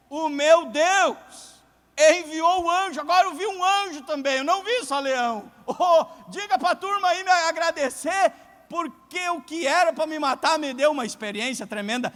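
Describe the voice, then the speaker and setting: Brief: male preacher doing a cheerful Daniel shouting up from a pit, high, ringing in a big hall. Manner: shouting up joyfully, relaxed and reassuring. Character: prophet Daniel calling up from the lions' den, cheerful. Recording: long church hall reverb.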